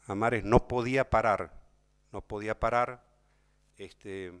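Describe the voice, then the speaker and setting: Speaking slowly with a lowish, fairly bright and clean voice, a man with an Argentine Spanish accent tells an audience a personal story at a talk. His intonation stays fairly even while the delivery is emotional and conversational, with frequent repeated words and direct turns to his listeners.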